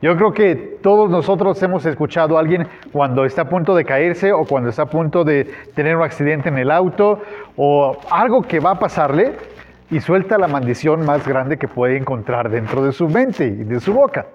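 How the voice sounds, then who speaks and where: Man, pastor, sermon, conversational, slightly high voice, dull lo-fi sound. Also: animated, moderate pace, a little mellow, slight background noise. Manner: conversational preaching with fillers, acts out quotes.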